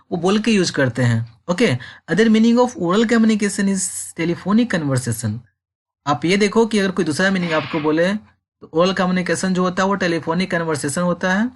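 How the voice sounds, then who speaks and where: A man teaching a school lesson. He reads English lines slowly and then explains them. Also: sits high. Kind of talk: classroom lecture.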